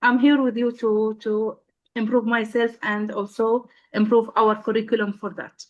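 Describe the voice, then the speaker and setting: A woman from Syria with a fairly high voice talks on a video call, stopping and restarting her sentences with many fillers. The audio comes through dull and lo-fi. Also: level tone, normal speed. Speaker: nursing professor, guest. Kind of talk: casual panel chat.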